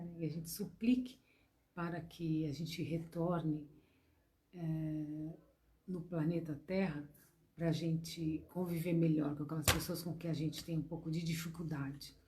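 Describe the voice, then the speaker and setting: In a gentle online devotional lesson, a spiritist course teacher with a Brazilian Portuguese accent speaks in a low, mellow voice with a touch of hoarseness. She goes over her points again and again, affectionately turning to her listeners with words like "gente" and "meus amores".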